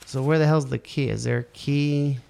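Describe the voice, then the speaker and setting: A gravelly, medium-pitched man mutters his way through a video game at normal speed. In this casual let's play, he curses at the game and reads the on-screen text in a flat voice.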